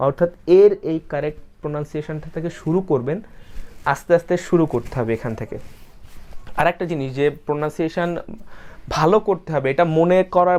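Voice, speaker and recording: A man leads an online English pronunciation lesson in a fairly high voice. He explains patiently and says each example word slowly, several times over. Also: darkish tone. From Bangladesh. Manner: explanatory, repeats words slowly to model them.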